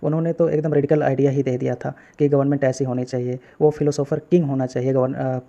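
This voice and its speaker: Dark-voiced man teaching a lecture. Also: mid-range voice, little pitch movement, fast, vocal fry, muffled recording. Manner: explains step by step, checks understanding with repeated questions. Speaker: political science teacher. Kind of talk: recorded exam-prep lecture.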